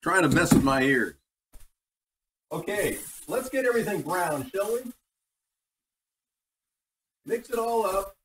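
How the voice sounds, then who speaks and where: A man's voice: high voice, big pitch swings, slow pace, long pauses, fairly bright tone. A man hosting a casual live cooking stream, rambling in a folksy way, recorded on a tinny computer microphone. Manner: rambling, folksy, breaks off to read chat. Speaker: livestream cooking host. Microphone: computer microphone, away from the mouth. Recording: tinny computer mic, distant, background noise.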